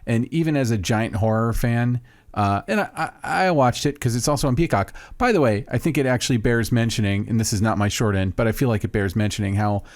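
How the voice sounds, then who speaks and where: A little fast and mid-range in voice, a podcast co-host gushes about a favorite film in casual conversation. He's enthusiastic and rambling, cutting himself off mid-thought, and the studio-quality recording has no echo.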